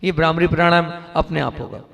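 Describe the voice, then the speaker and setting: Higher-voiced monk preaching in an echoing hall. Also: male voice, creaky, fairly bright tone. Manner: instructive, repeatedly asks the audience questions; drawn-out sung chanting of mantra syllables. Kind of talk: devotional sermon and pronunciation lesson.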